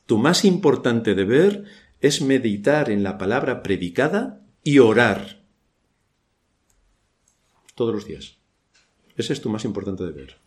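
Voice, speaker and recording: A man's voice: medium pitch, sing-song, unhurried, pauses often. A man from Spain with a Spanish accent preaching a church sermon, asking rhetorical questions and adding dry ironic asides.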